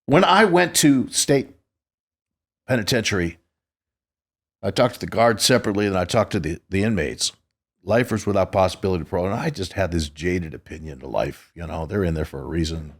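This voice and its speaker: A man's voice: deep voice, animated, brisk. A man in his sixties hosting a podcast, telling stories in a boastful, profane, casual way. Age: 60s. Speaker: podcast host.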